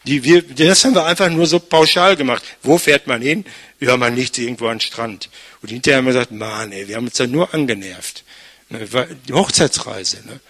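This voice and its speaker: A man's voice: medium pitch, fairly quick, a bit bright. An older man, a pastor, preaching a conversational sermon, frequently tagging his sentences with "ne?". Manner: chatty, frequent tag "ne?".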